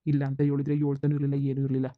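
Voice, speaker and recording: A man's voice: mid-range voice, monotone, no room sound, phone-quality sound, close to an everyday voice. A man voicing a deferential, gossiping village farm servant in a cartoon comedy. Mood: tattling. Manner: deferential, tattling, rapid.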